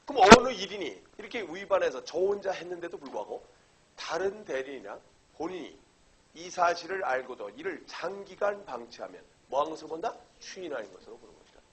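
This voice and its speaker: A man's voice: on the high side, sing-song, brisk, background noise. A middle-aged man lecturing on law. He poses questions and answers them himself, and keeps checking that the class follows. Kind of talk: exam-prep lecture.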